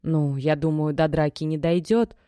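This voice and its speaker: A woman reading an audiobook and voicing a guilty young woman who speaks quietly and apologetically. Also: sits low, steady tone, moderate pace, no room sound, clean studio sound, lightly acted. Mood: guilty, soft. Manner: quiet and conciliatory. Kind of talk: audiobook character voice.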